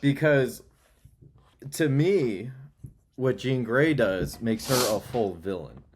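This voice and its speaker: A man's voice: medium pitch, animated, takes it slowly, slightly rough. Analytical man guest on a podcast. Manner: analytical, opinionated with some restarts. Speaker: podcast guest, film producer. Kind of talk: casual podcast chat.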